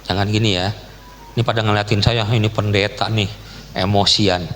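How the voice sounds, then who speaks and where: A man's voice: fairly low pitch, fairly even intonation, normal speed, fairly bright tone. Middle-aged man, guest pastor, chatty joking sermon, long church reverb, faint hum behind. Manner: casual, joking, Jakarta slang. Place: church hall.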